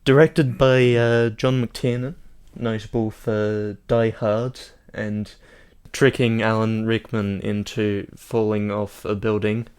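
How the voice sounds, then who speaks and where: A man's voice: on the low side, little pitch movement, slow, darkish tone, smooth. A man co-hosting a podcast, chatting casually and telling wry film anecdotes. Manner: wry storytelling with laughs. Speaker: podcast co-host. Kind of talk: casual chat.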